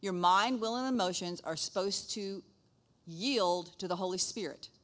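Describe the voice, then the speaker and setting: A middle-aged woman, a pastor's wife, preaching a sermon with animated storytelling and playful asides. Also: medium pitch, normal speed. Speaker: pastor's wife and church leader.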